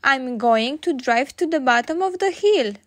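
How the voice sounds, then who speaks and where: A woman's voice: sits high, expressive, normal speed, dry recording, studio quality. A woman voicing a friendly, encouraging male panda police officer in a storybook, upbeat as if instructing children.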